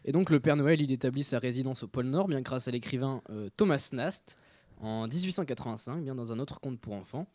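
A man's voice: medium pitch, a little fast, darkish tone, no echo. A young man presenting a radio column in casual talk, hesitant and full of fillers.

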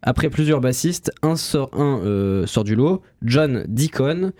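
A young man presenting a music history segment on the radio, halting and full of fillers. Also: medium pitch, expressive, a little mellow, no room sound, studio quality. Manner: halting, many fillers and restarts. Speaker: radio columnist. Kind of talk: reading a history segment on air.

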